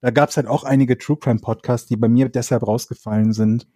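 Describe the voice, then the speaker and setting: Male podcast co-host, opinionated, mellow tone, dry mic. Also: mid-range voice, steady tone, fairly quick, no room sound. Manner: opinionated, stumbles over words. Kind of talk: casual chat.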